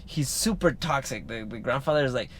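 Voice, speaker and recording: A man's voice: medium pitch, animated, fairly quick, fairly bright tone. A man hosting a podcast from a car, chatting casually and encouraging his guest with rambling stories. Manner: coaching, encouraging, rambling storyteller. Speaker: podcast host. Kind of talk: casual interview chat. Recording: noisy car recording.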